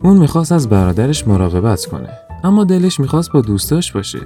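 A man narrating a children's story in a calm, even storytelling manner. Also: medium pitch, soft background music.

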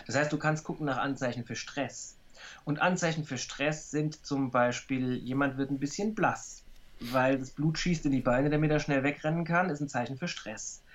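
A man explaining body language in a calm, example-filled way during a video call interview. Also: mid-range voice, normal speed, muffled recording. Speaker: body language expert guest.

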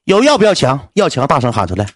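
A man's voice: big pitch swings, quick pace. A man voicing a pushy young female assistant who nags and chants motivational slogans. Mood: hyped. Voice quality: shrill, nagging, sloganeering.

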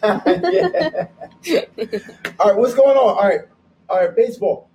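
A man with a notably high voice pumps up listeners in an energetic, sermon-like pep talk. He repeats catchphrases, laughs often and pushes his points hard, with a faint background hum under his voice. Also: slow, low-quality recording. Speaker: podcast co-host. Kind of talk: hyped promotional pep talk.

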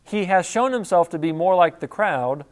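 A man's voice: high-pitched, animated, normal speed. A man preaching an expository sermon, explaining a passage in a conversational way in short phrases. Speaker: pastor.

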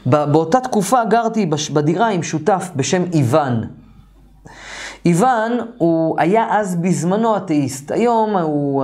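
A man teaching an online course, telling a first-person story in a lively, colloquial and emphatic way. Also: fairly high pitch.

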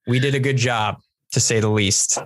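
A man's voice: mid-range voice, fairly even intonation, normal speed, dry recording. Guy from san diego rambling thru a trip story, lots of restarts, dry close sound. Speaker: podcast co-host. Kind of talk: casual chat.

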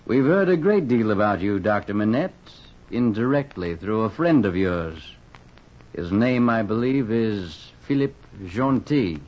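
An actor playing a cold younger aristocrat who speaks curtly and dismissively, in 1940s radio acting on a muffled old transcription. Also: male voice, fairly low pitch, animated, unhurried. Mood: cool. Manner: curt and dismissive.

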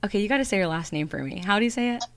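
A woman's voice: medium pitch, expressive, rapid-fire. A woman hosting a podcast, upbeat and chatty, who laughs easily as she interviews a guest. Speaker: podcast host.

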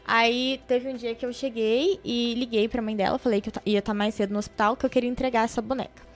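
A young adult woman, a podcast guest, telling a personal story in an animated, emotional way. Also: a little high, fast talker. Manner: animated, emotional storyteller who acts out quoted voices.

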